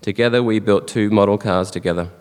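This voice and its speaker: An Australian man speaks a funeral eulogy, earnest and fond, with soft chuckles between memories. His voice sits fairly low. The sound carries a long reverb, as in a church or funeral hall. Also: steady tone, quick pace, clear, resonant tone. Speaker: son giving a eulogy.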